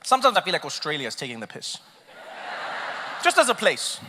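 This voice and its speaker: A man performing a stand-up comedy set on stage, telling stories animatedly and shifting between loud bursts and quiet asides. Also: fairly high pitch, huge pitch swings, a little fast, in a large hall, slight background noise.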